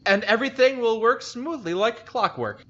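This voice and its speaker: A man with a high, very lively voice chats with a guest and slips in wry, teasing remarks. His voice is bright and sharp, and the stream audio sounds dull and lo-fi. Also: moderate pace. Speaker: streamer host. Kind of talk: casual chat, reacting.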